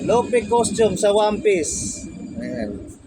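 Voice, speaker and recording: A man's voice: high voice, sing-song, slow pace, heavy background noise. A man casually showing off costumes for sale, chatty and repetitive, correcting himself as he goes. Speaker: online seller showing costumes. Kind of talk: casual product showcase vlog.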